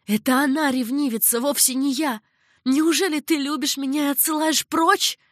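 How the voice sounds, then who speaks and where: A woman's voice: a little high, normal speed, husky, no echo, clean studio sound, voice pushed up. A woman voicing a passionate young concubine who pleads emotionally. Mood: indignant.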